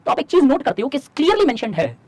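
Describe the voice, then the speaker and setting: A man teaching an online exam-prep class. He talks fast, asks the students rhetorical questions, and slows right down to dictate lines for them to write. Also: extremely high pitch, huge pitch swings. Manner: fast in Hindi, slow dictation in English. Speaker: civil services exam teacher.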